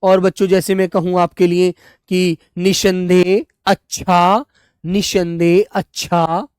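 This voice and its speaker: A woman's voice: fairly low pitch, flat delivery, smooth, dry recording, studio quality. A woman teaching a live online class to young children, patiently drawing out words as she writes them and addressing the class as dear children. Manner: patient, stretches words slowly while writing; calls students "children" and "dear children" warmly.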